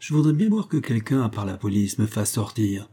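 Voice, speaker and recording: A man's voice: on the low side, expressive, fairly quick, dark tone, breathy edge. A man voicing a serene forty-year-old woman. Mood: calm assurance. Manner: composed, sententious. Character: self-assured woman of forty, calm and teasing.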